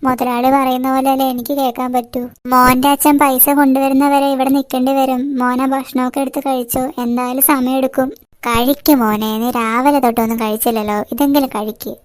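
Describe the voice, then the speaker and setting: ഒരു സ്ത്രീ കാർട്ടൂണിൽ പിതൃവാത്സല്യമുള്ള, ദയാലുവായ ഒരു പുരുഷ ഗുണ്ടയ്ക്ക് ശബ്ദം നൽകുന്നു; അയാളുടെ സംസാരം മൃദുവും ക്ഷമാപണം നിറഞ്ഞതുമാണ്. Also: female voice, sits high, flat delivery, brisk, clean tone, dry recording, natural voice. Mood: coaxing. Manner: gentle, apologetic. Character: soft-hearted male henchman, fatherly. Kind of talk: cartoon voice acting.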